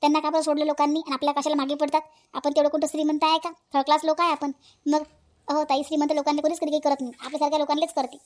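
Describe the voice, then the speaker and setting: A brash young village woman with a Vidarbha accent, lecturing and scolding with total confidence, as a woman voices her for a cartoon. Her voice is high and bright. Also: level tone, very fast, close to an everyday voice. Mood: scornful. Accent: Vidarbha Marathi. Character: bold clever young village woman Priyanka. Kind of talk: cartoon voice acting.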